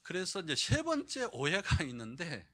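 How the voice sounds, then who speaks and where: A man preaching a sermon as pastor, animated, swinging between loud emphasis and hushed low delivery. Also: moderate pace. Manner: acts out quoted speech in changed voices. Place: church sanctuary.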